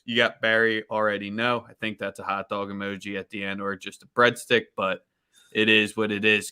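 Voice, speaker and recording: A man's voice: on the low side, bright, forceful tone, smooth. A man co-hosting a casual sports betting show, talking loosely with jokes and slang. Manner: loose, joking, slangy delivery. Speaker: podcast co-host.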